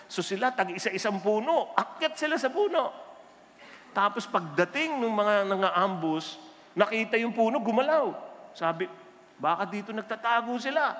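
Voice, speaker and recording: Lively high-voiced preacher in a reverberant hall. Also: male voice. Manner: animated storytelling, mixing Filipino and English. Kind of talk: sermon with jokes. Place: church hall.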